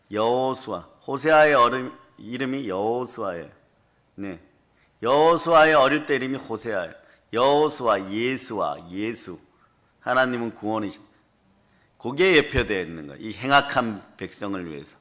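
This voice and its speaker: A male pastor preaching a sermon, swinging between loud scolding lines and low, murmured asides. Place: church sanctuary.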